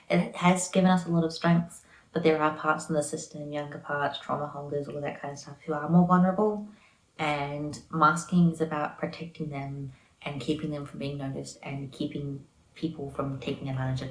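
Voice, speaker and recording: A woman answering an interview question in a measured, earnest way, her phrases trailing off softly. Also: low-pitched. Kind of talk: personal reflection. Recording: echoey room.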